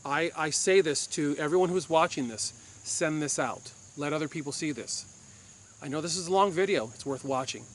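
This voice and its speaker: Emphatic Puerto Rican-born man, higher voice. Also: moderate pace, slight background noise. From Puerto Rico. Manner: emphatic, insistent, repeats points for force. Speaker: firearms channel host, former police officer. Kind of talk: direct-to-camera opinion monologue.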